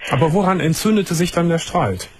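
A man's voice: fairly high pitch, fairly quick, slightly rough. A man hosting a late-night radio call-in show, asking a caller probing questions and cutting in firmly to make his point. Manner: probing, interrupts firmly, steady agreeing murmurs. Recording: radio broadcast studio mic.

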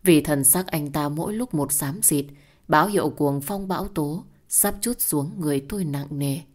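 A woman narrates a dramatic first-person story with an emotional delivery. Her voice sits low. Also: normal speed, darkish tone.

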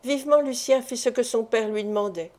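A woman reads a classic novel aloud as an audiobook, with measured storytelling. Her voice sits a little high with a warm, mellow tone. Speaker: audiobook reader. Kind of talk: scripted narration of a novel.

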